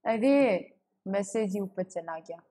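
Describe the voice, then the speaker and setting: A woman's voice: medium pitch, slow, dark tone. Young female streamer, giggly and chatty, casual home webcam chat. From Pakistan. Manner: giggly, chatty, greets viewers and reads chat aloud. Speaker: gaming livestreamer. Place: home room with a ring light. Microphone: webcam setup.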